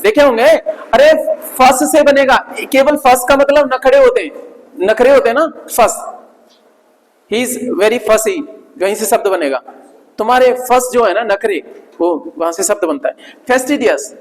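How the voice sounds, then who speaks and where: A male teacher runs a vocabulary class, saying each word over and over at a slow, careful pace. He keeps tacking short check-in questions onto his sentences. His voice rings with a long reverb, as if he is in a large hall. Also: extremely high pitch. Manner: drills pronunciation by repeating words slowly; peppers speech with "isn't it" tags.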